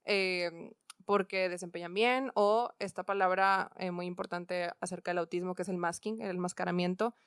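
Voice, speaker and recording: A woman's voice: on the low side, steady tone, moderate pace, fairly bright tone, clear, resonant tone, no room sound, clean studio sound. A woman with a Mexican accent, a coach and podcast guest, explaining ideas thoughtfully with frequent fillers. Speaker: guest, work and education coach. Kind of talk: conversational podcast interview.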